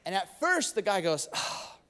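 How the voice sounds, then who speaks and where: Male pastor, high voice, animated storytelling sermon, acts out voices. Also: normal speed.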